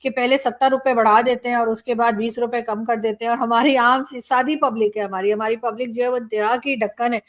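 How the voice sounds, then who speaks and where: Opinionated Pakistani woman commentator, high voice. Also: steady tone, fairly quick, few pauses. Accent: Pakistani Urdu. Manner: opinionated, conversational, with frequent fillers. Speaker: journalist and commentator. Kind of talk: casual news commentary monologue.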